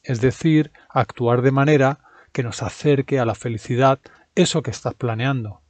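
Male Spanish teacher reading an article aloud: calm, measured, clear diction, mid-pitched, dry close sound. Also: no room sound.

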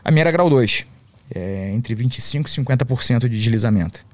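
A man's voice: mid-range voice, lively intonation, quick pace, no room sound. A Brazilian man telling a personal story in slangy, profane casual talk. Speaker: podcast guest.

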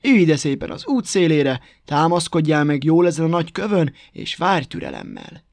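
A man's voice: fairly high pitch, huge pitch swings, gravelly, a little mellow, no echo, heavily acted. A man voicing a sly, scheming male fox who speaks in a coaxing way.

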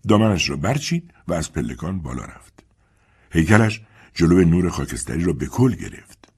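A man narrating a literary novel as an audiobook, measured and expressive. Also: deep voice, slightly rough.

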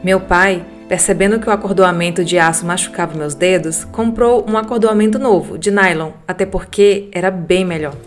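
A woman with a Brazilian Portuguese accent, reading listener-sent ghost stories aloud as a podcast narrator in a calm, steady storytelling manner. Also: lowish voice, moderate pace, hardly any pauses. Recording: faint music bed behind the voice.

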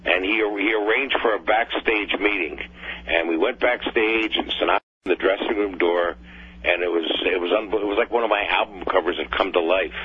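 A man's voice: sits low, moderate pace, husky. An older man from New Jersey, heard over the phone as a caller on a radio talk show, reminiscing in a hesitant way with many fillers and restarts. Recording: dull phone line with faint hum.

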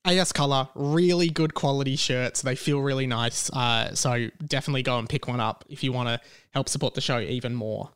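A man's voice: mid-range voice, a little fast, a bit bright, clear, resonant tone, no echo, clean studio sound. A man hosting a casual solo podcast, talking a little awkwardly because a sore, bitten tongue makes speech painful, as with a mouth ulcer. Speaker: podcast host.

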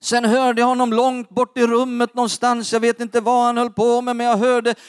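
A man preaching a testimony with dramatic swings between hushed asides and fervent peaks. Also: extremely high pitch, monotone, clean tone, dry recording, studio quality. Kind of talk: sermon testimony.

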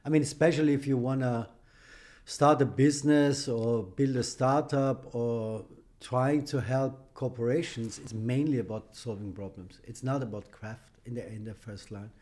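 Guesting on a podcast interview, a middle-aged English-speaking man from Iran answers in an emphatic, opinionated manner, frequently closing with a questioning "no?". His voice is medium-pitched and a little mellow, with fairly even intonation at normal speed.

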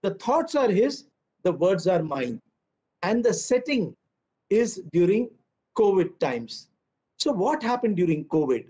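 A man's voice: high-pitched, sing-song, unhurried, dark tone, husky. A man in his fifties with an Indian English accent, a children's author giving a chatty, humorous storytelling talk. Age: 50s. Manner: chatty, humorous, mixes in Hindi. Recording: dull lo-fi recording.

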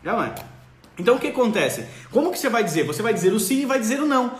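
A man hosts a parenting live stream from a roomy space that leaves a clear echo on his voice. He speaks high and swoops through his pitch, acting out parents and children in an animated way. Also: racing, a little hiss or hum. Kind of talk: casual live-stream advice.

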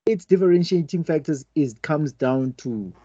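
A man's voice: on the high side, animated, moderate pace, mellow, breathy edge, no echo, lo-fi sound. A man in a casual debate, hesitant and searching for words as he argues a point.

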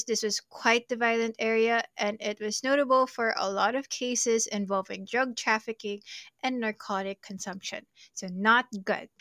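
A young adult woman with a fairly high, slightly bright voice hosts a true crime podcast, narrating casually and tossing in jokey, self-deprecating asides. Portuguese is not her first language, and the audio has no echo.

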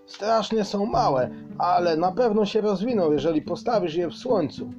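A man's voice: high voice, moderate pace, voice pushed up. A puffed-up, enthusiastic father troll full of big plans, voiced by a man. He speaks in a lifted, sweeping way. The storybook recording sounds muffled, with plucked guitar behind. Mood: eager. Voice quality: raised, excited and grandiose. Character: proud enthusiastic father troll, grand-talking.

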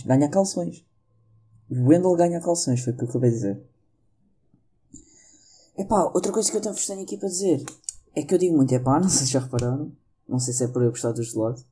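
A man's voice: mid-range voice, mellow, slightly rough. A man with a European Portuguese accent, rambling through a casual comedic monologue from home and mocking his own jokes. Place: at home during lockdown.

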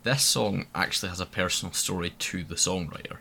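A man co-hosting a casual music review podcast, animated and opinionated, often restarting his sentences. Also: sits low, brisk, creaky, slight background noise. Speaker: podcast co-host.

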